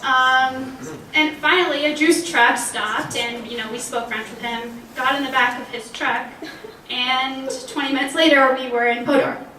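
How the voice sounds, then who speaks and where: This young woman in her twenties, a language graduate, speaks as a panelist in a college event room, sharing personal anecdotes in a conversational way. Her voice is high-pitched, steady, sharp and unhurried, and the distant mic gives a roomy sound with faint background noise.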